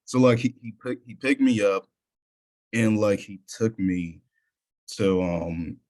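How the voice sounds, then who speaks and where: Young man, very low voice, casual storytelling, lots of filler words. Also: takes it slowly, a little mellow. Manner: casual, many fillers and restarts. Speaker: youth leader presenter. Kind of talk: personal story in a presentation.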